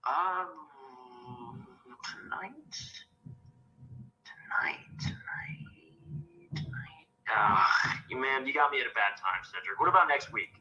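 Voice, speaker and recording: A man's voice: medium pitch, animated, sharp tone, lo-fi sound, slight background noise. A man playing a cocky, flaky young party-going friend, slangy and stalling, in a phone scene. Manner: hesitant, drawn-out stalling, slangy. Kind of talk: acted phone conversation.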